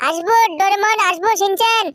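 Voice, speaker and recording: Man voicing an insistent robot cat; very high, rapid, dry. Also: fairly even intonation, pushed and bright, no echo. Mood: eager. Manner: fast, insistent. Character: cartoon robot cat Doraemon, eager boy.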